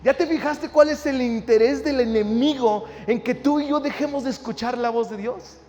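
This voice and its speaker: High-voiced preaching pastor in a hall. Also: male voice, moderate pace, warm tone. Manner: preaching with rising intensity, often asking "¿verdad?". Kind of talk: sermon. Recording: reverberant hall with faint ambience.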